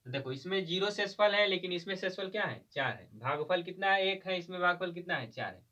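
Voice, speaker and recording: A man's voice: high-pitched, animated, a little fast, bright, forceful tone. A man teaching a math class, quizzing students with repeated questions and spelling out terms letter by letter. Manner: drills terms with call-and-response questions. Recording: distant dull lo-fi recording.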